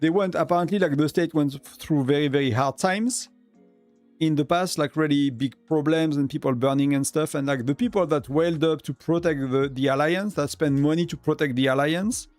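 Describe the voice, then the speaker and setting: A man's voice: fairly high pitch, normal speed, a little mellow, soft background music. A man with a French accent, whose first language is French, chatting casually on a live game stream, rambling with many fillers and restarts. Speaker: gaming streamer.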